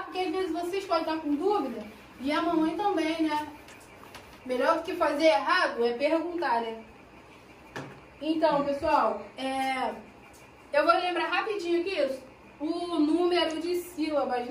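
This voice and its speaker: A woman teacher explaining a lesson to her pupils, drawing out key words slowly and checking in with "né?" and "ó". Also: sits high, slight background noise. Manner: slow, drawn-out explanations with frequent "né?" and "ó". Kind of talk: recorded class lesson. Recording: echoey room, voice from a distance.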